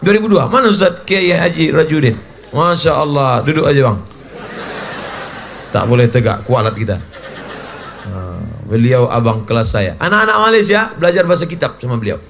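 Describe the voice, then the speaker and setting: A man's voice: a little high, expressive, moderate pace, gravelly, a bit bright, slight background noise. A man in his forties giving a humorous sermon as a preacher, joking and acting out little dialogues. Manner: jokey, acts out dialogues with shifting voices.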